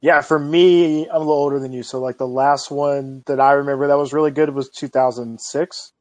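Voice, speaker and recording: A man in his thirties co-hosting a podcast, chatting in a relaxed, rambling way with plenty of fillers. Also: mid-range voice, brisk, no echo. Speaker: podcast co-host. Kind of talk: casual chat.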